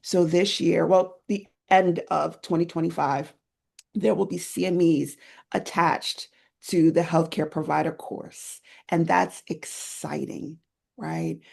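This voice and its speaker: A woman's voice: slow pace, vocal fry, husky. A woman guest in an interview, talking with enthusiasm and acting out little scenes as she tells them. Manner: enthusiastic storyteller, lively swings in pitch when retelling scenes. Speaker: guest, end-of-life doula educator. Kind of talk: conversational interview.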